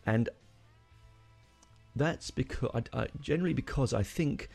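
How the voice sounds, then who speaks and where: A middle-aged podcast host delivers a casual solo monologue, rambling and opinionated, often correcting himself mid-sentence. His mid-range voice is unhurried, gravelly, husky and darkish, with faint music in the background.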